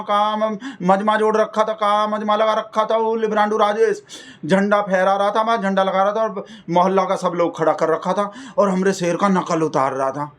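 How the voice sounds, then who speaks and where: A man's voice: high-pitched, a bit bright. A man delivering a rambling, folksy satirical comedy monologue. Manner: folksy, rambling, keeps addressing the listener as brother. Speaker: comic persona host.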